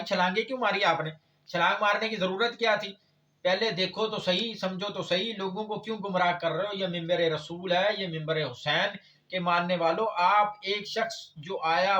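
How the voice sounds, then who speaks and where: A man's voice: sits high, bright, forceful tone, far from the mic. A man preaching an Islamic lecture, arguing against another scholar's reading with rhetorical questions and reciting verses. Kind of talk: religious lecture with Quran recitation.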